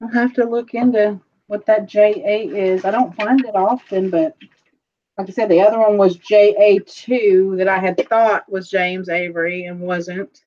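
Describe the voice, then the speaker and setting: A woman's voice: medium pitch, fairly even intonation, warm tone. Chatty woman on a muffled stream. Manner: chatty, rambling, quick to laugh. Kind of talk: casual live-stream chat.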